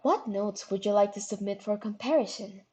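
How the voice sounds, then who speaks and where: A woman playing a refined young troll lady who speaks in a lower, measured voice. Every word is enunciated carefully, with a calm, composed poise. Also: close to an everyday voice.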